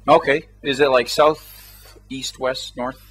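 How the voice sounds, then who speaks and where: A man's voice: medium pitch, steady tone, slow pace, a bit bright, breathy edge, soft background music, poor audio. Male interviewer, casual and chatty, lots of fillers.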